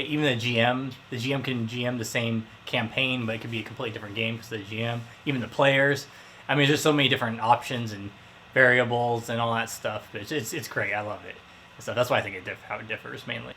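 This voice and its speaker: A man in his thirties answers interview questions in a loose, casual way. His voice is bright, with faint ambience in the background. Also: mid-range voice, fairly even intonation, fast, slight background noise. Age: 30s. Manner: casual, loose phrasing with fillers. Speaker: interviewee, grocery store worker.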